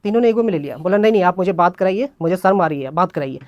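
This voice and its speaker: Rapid-fire and high-voiced, a young man on an open mic stage retells a funny story, animatedly voicing each of his friends. The sound is lo-fi with no room sound.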